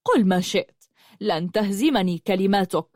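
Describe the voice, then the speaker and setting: A woman's voice: medium pitch, animated, normal speed, darkish tone, no echo, studio quality, close to an everyday voice. A woman narrator voicing a brave young male writer who answers his foe with firm, confident defiance, in an audiobook. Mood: defiant.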